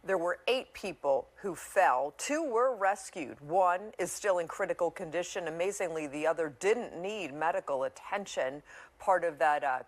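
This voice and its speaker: Woman news anchor, low register, live broadcast delivery with conversational touches. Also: expressive, moderate pace.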